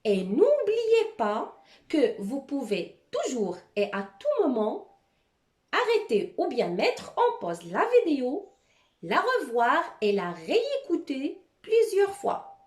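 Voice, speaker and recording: A high, sing-song woman's voice guides young children through a handwriting lesson one step at a time. She speaks slowly and keeps checking that they follow. The sound bounces around an echoey room. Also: wildly swooping pitch, a little mellow. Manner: slow, step-by-step instructions with frequent check-ins. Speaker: primary school teacher.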